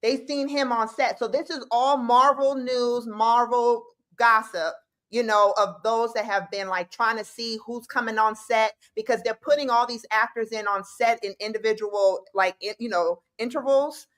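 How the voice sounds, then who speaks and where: Excitable woman co-hosting a fan podcast. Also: a little high, moderate pace, hardly any pauses. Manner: excitable, talks in bursts with restarts. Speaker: co-host. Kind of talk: casual fan chat on a podcast.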